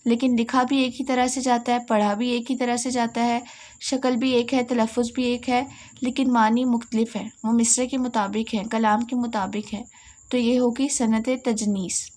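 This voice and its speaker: A woman's voice: a little high, level tone, a little mellow. A woman with a Pakistani Urdu accent teaching a lesson, explaining step by step and repeating key points.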